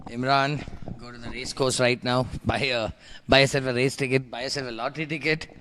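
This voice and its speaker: A man's voice: medium pitch, fairly even intonation, brisk, background noise. A man commentating live on golf in a conversational way.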